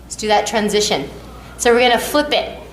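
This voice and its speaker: A woman's voice: mid-range voice, animated, brisk, slight background noise. A woman teaching massage technique to a class, counting out strokes and cheering the students on. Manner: counts out strokes, encouraging and upbeat. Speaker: massage instructor. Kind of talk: hands-on teaching demonstration. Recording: echoey room, faint background.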